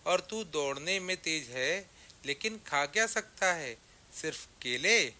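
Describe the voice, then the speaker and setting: A greedy, easygoing goat in a children's story speaks slowly in a raised, bright voice, played by a male narrator. She sounds relaxed and always hungry. A faint hiss sits underneath. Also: on the high side, exaggerated voice. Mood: cheerful. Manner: easygoing and food-loving. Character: greedy, good-natured female goat.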